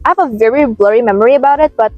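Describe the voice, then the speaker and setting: Speaking very fast with no echo, a young Indonesian woman narrates her scripted vlog in a fairly high voice; Indonesian is her first language. She sounds casual, leaning on "like" a lot, over faint lo-fi music.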